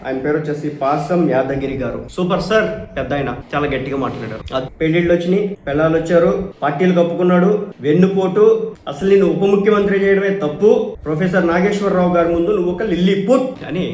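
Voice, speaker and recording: A man's voice: on the high side, fast, darkish tone, reverberant. A man from Andhra Pradesh delivers emphatic political commentary, arguing with rhetorical questions.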